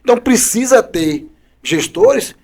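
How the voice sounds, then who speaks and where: A man with a high-pitched voice speaks as a politician guest on a podcast. He argues combatively and hammers his points home with rhetorical questions. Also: lively intonation, measured pace, creaky, a little mellow. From Bahia, Brazil. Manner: combative, emphatic criticism with repeated rhetorical questions. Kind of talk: podcast interview.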